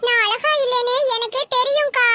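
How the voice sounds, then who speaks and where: A woman's voice: very high voice, steady tone, a little fast, pushed and bright. A woman voicing a sly, cheeky little girl in a comedy sketch, talking with mock innocence.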